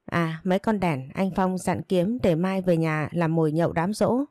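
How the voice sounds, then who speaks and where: A woman voicing a friendly young male farm worker who talks in a casual, unhurried way with a low, mellow tone. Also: no echo, clean studio sound, close to an everyday voice.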